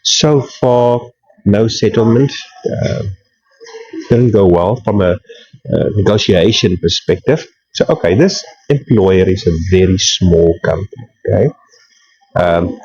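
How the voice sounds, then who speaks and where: A middle-aged man hosting a podcast, his voice thick and husky from a flu, talking in a coffee shop and explaining with rhetorical questions. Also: a little mellow, highs cut off. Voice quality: deep, husky from a cold. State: congested with a flu. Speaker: podcast host. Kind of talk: casual talk to camera.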